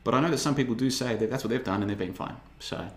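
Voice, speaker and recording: Rapid-fire and mid-pitched, this man in his thirties hosts a podcast, reading the live chat in a loose, rambling monologue. Sarcasm runs throughout, along with mocking voices.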